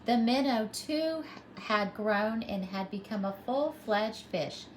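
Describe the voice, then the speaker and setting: A woman's voice: on the high side, expressive, takes it slowly, slight background noise, rough recording. A woman pre-K teacher reading a storybook aloud to young children, expressively and with simple explanations.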